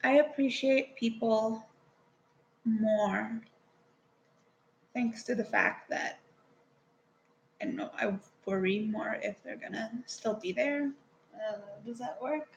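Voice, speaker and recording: A young woman with a high voice jokes through a casual livestream, speaking slowly. She breaks into squeaky bursts of laughter. A laptop mic catches her in a roomy, echoing space. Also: gravelly, slight background noise. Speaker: co-host of a livestream. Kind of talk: casual chat.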